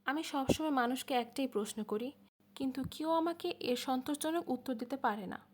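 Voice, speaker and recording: A woman's voice: sits high, moderate pace, a little hiss or hum, natural voice. A woman voicing a brooding young man who asks blunt, probing questions.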